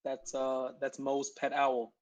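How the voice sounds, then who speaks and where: A man's voice: medium pitch, completely flat delivery, takes it slowly, no room sound. A man co-hosting a podcast in casual chat, joking and laughing as he talks over voice chat. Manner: joking, laughs while talking. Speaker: podcast co-host.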